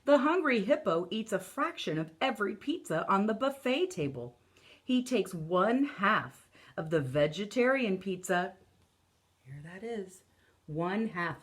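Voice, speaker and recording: An elementary teacher in her thirties reads a picture book aloud as a lesson for children, explaining things deliberately and repeating key phrases. Her medium-pitched voice is animated, and she's indoors in a living or dining room at home.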